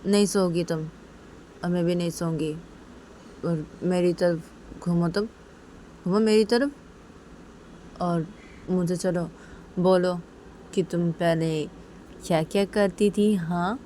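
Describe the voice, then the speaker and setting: A woman's voice: lowish voice, steady tone, slow, long pauses, warm tone, a little hiss or hum. A woman voicing an anxious young woman who keeps coaxing her crying partner with repeated questions. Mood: insistent.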